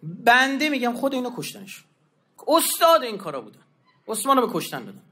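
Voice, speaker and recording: A man giving a colloquial religious history lecture, telling stories in an animated way and acting out the quoted exchanges, with informal slang and asides. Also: very high-pitched, breathy edge.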